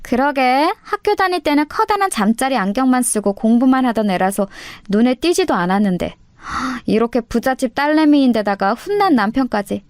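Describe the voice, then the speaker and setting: A snobbish middle-aged sister-in-law with a high, sneering, sarcastic voice, put on by a woman storyteller. She sounds dry and up close, as in a storybook reading. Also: lively intonation, fairly quick, clear, resonant tone, no room sound.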